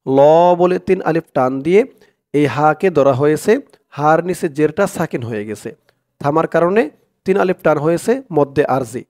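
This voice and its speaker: A man teaching Quran reading, chanting verses slowly and then explaining the rules in quick speech. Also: a little high, a little mellow.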